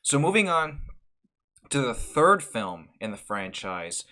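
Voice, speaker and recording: Rambling man with a bright, tense voice. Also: medium pitch, sing-song, slow pace. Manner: rambling with frequent restarts and repeated words; candid opinionated reviewer. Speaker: channel host. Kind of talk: casual movie ranking vlog.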